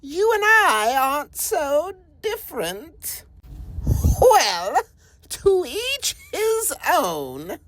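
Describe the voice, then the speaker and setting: High, swooping, theatrical Green Goblin villain. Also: male voice, wildly swooping pitch, bright, forceful tone, no echo, heavily acted. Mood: sneering. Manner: theatrical, drawn-out taunting delivery with sudden pitch swoops. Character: cackling, taunting male supervillain goblin, menacing and theatrical. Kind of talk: villain monologue, amateur voice acting.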